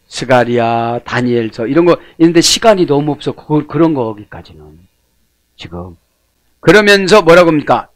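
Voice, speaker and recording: Casting: male pastor, lively swinging pitch, keeps jabbing the congregation with questions. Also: no echo. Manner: animated, prodding listeners with rhetorical questions. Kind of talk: sermon.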